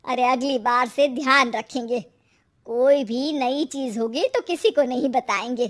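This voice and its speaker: A hot-headed young cartoon husband, voiced by a woman, with a high, light voice pitched well above most men. He talks loudly and snaps back in arguments, in a bright animated-story delivery. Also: unhurried. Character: young married man, quick-tempered husband.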